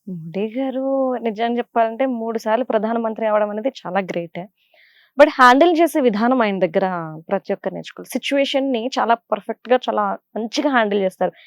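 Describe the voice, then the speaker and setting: Chatty young woman, slightly high voice. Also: quick pace, no room sound, studio quality. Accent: Godavari Telugu. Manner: chatty and animated, with frequent fillers. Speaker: serial actress, interview guest. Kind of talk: casual interview answers.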